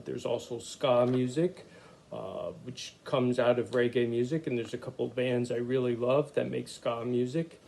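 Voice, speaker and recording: A man teaching a recorded art lesson for children, chatty and unhurried, with many "uh" fillers as he explains. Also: mid-range voice, vocal fry, darkish tone.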